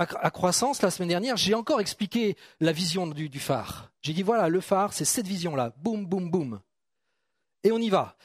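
Pastor guy preaching, jokey and chatty, kinda high voice, dry close sound. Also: no echo. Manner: joking, chatty preaching with many restarts. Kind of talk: sermon.

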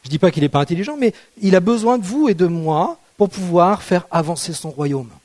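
Male preacher with a high voice, chatty and joking, checks in with the congregation often. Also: expressive, fairly quick, darkish tone. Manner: conversational, asks the congregation rhetorical questions; playful, jokes with the audience. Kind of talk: sermon.

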